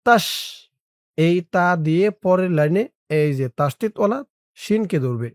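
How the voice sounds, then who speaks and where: A man with a fairly high, smooth and resonant voice teaches Quran recitation with a Bangladeshi Bengali accent. He spells out each letter and vowel mark at an unhurried pace, then chants the verse in long drawn-out tones. The recording is dry and close, with no room sound. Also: expressive, no echo.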